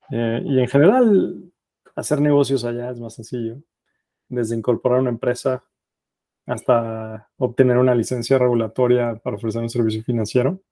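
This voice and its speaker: A middle-aged man with a Mexican accent, a guest in a podcast interview, telling his story in a relaxed, self-deprecating way. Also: mid-range voice, no echo.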